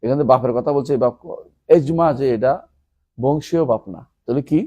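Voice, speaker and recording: Man, classroom teacher, mellow dark tone, quizzes students, slow Arabic recitation. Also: mid-range voice, highs cut off. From Bangladesh. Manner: asks students questions and explains term by term; recites Arabic verses and poetry slowly. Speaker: teacher of an Islamic text class. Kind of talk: classroom lecture with questions to students.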